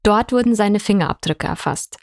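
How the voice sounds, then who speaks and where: A woman narrating a report in a calm, explanatory way. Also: mid-range voice, moderate pace, no room sound, clean studio sound. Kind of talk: scripted narration.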